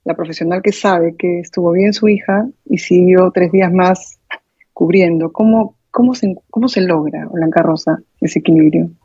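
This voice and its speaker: A woman's voice: fairly low pitch, moderate pace, mellow, husky, dry recording. A woman interviewer asking questions, repeating words as she forms them. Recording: dull dry recording.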